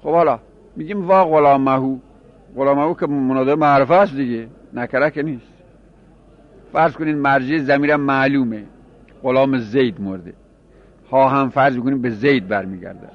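A man's voice: mid-range voice, dull audio. A man teaching a grammar class, explaining by repeating examples and asking his students questions.

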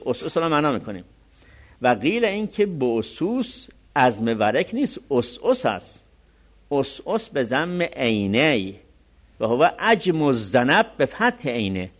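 A man teaching a religious law lesson, reading classical text slowly and then explaining it quickly. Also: mid-range voice. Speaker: seminary teacher.

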